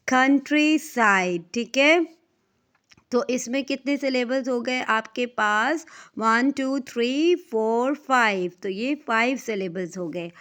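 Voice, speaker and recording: A woman from Pakistan teaching a class, patiently repeating words and counting aloud. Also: a little high. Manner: patient, repeats and counts aloud, reads English lines slowly. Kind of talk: classroom lesson explanation.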